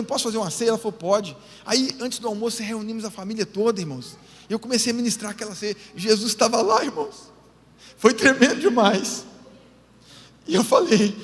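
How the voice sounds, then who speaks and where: A man's voice: sits high, husky. A man with a Northeastern Brazilian accent preaching a sermon in a large church, telling a story with feeling and often addressing the congregation directly. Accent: Brazilian Portuguese, Northeastern. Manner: emotional storytelling, calls the church brothers and sisters. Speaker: pastor. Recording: long church hall reverb.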